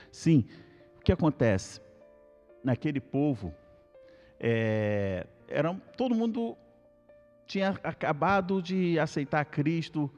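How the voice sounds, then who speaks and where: A male Brazilian pastor giving an earnest Bible study sermon, repeating key points slowly and calling out to the congregation. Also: medium pitch, dark tone, in a large hall, muffled recording. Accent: Brazilian Portuguese.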